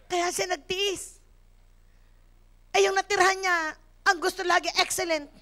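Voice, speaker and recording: A middle-aged woman pastor preaching a sermon, telling lively, humorous stories and switching between Tagalog and English. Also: very high-pitched, a little slow. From Philippines. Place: church service.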